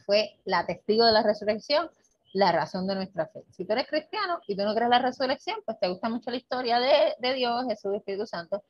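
A woman hosting a casual talk on Bible topics, lively and conversational, often checking in with the listener and acting out dialogue. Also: a little high, a little fast, no room sound. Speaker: host. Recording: dull, muffled dry sound.

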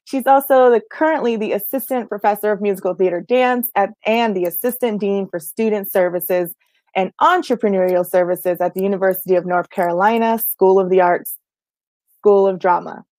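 A woman's voice: mid-range voice, moderate pace, darkish tone, no room sound, studio quality. A woman hosting an interview show, introducing her guest and chatting with theatrical enthusiasm. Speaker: podcast host.

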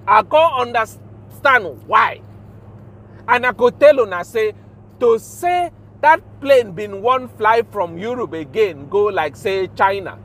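High-voiced Nigerian man ranting informally. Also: fairly bright tone, slight background noise. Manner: halting, repetitive, emphatic. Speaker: show host. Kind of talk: informal spoken rant in Pidgin.

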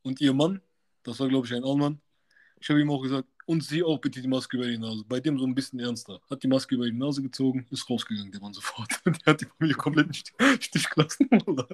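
A man's voice: medium pitch, fast, darkish tone. A young man in casual chat, animatedly retelling a confrontation at work in street slang and acting out what people said. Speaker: storyteller recounting a work incident.

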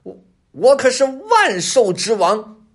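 A man voicing a sly, boastful male fox in a high, squeaky, cocky voice. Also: wildly swooping pitch, slow pace, slightly rough, full character voice.

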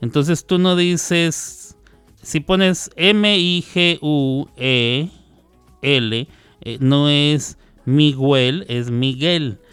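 A man's voice: fairly high pitch, very slow, fairly bright tone, clean tone, dry recording, faint music behind. A Mexican man in his fifties hosting a radio show, rambling and playful in casual chat, correcting himself as he goes. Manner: chatty, digressive, playful, self-correcting. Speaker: radio host. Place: radio studio.

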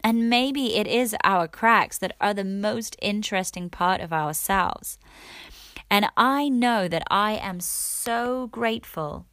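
A woman's voice: mid-range voice, slow, a bit bright, dry recording. A woman podcast host and coach telling a personal story in a candid, reflective and emotional way.

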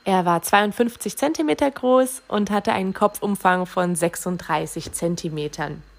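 A young woman, a new mother, telling her birth story in a casual vlog, emotional and often dropping to a soft hush. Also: mid-range voice, normal speed, creaky.

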